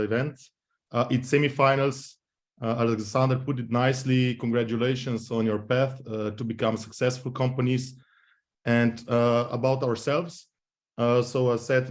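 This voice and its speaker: Hesitant man introducing himself as a judge. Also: medium pitch. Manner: hesitant, many "uh" fillers. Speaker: fund managing director, judge. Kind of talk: self-introduction on a video call. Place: Berlin.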